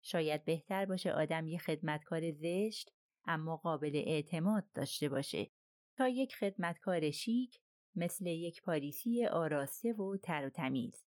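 A woman's voice: sits low, expressive, darkish tone, dry recording, clean studio sound. A woman reading the part of a polite, thoughtful middle-aged male detective in an audiobook, speaking courteously and musingly.

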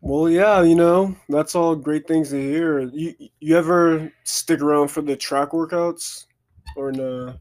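A man's voice: fairly high pitch, fairly even intonation, unhurried, darkish tone. A man interviewing a student athlete with plain, direct questions.

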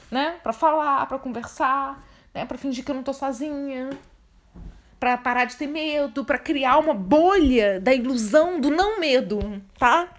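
A Brazilian woman talks alone into her podcast mic at home late at night. Her voice sits high, and she is chatty and theatrical. She swings from loud bursts to hushed, confiding talk. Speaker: podcast host. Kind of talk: solo podcast monologue.

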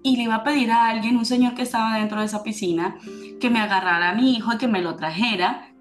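A woman's voice: on the high side, steady tone, fast talker. A woman telling a personal story with emotion and turning it into a spiritual teaching. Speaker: spiritual speaker. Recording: roomy echo with faint music.

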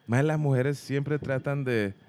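A man's voice: medium pitch, unhurried, darkish tone, slight background noise. A man with a Central American Spanish accent co-hosting a casual podcast, speaking emphatically and addressing the listeners directly. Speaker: podcast co-host. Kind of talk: casual chat.

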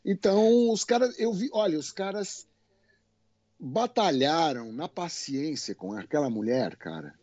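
A man with a Brazilian Portuguese accent, a guest telling stories in a colloquial, animated way and swearing now and then. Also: a little high, a little slow, no room sound, muffled recording. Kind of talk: casual podcast conversation.

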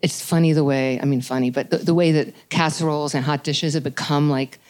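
A woman's voice: low voice, steady tone, a little fast, darkish tone. A woman hosting a podcast, talking onstage at a live bookstore taping. She sounds thoughtful and searching, and often restarts her sentences. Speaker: podcast host.

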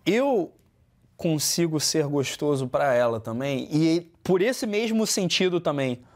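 A man's voice: on the high side, animated, unhurried. A man with a Brazilian Portuguese accent, hosting a casual chat and giving earnest advice. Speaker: host.

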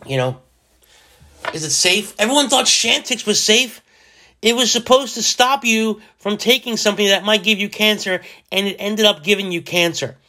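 A man's voice: high voice, animated, moderate pace, pushed and bright. A man in his forties hosting a solo podcast, rambling and self-mocking as he jokes his way through his thoughts. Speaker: podcast host.

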